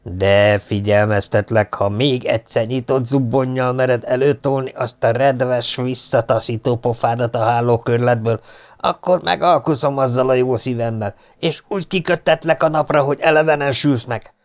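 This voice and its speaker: A coarse, bullying legion sergeant from an audiobook , voiced by a male reader, blustering and hurling insults in a rough manner. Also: mid-range voice, lightly acted. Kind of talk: audiobook character voice.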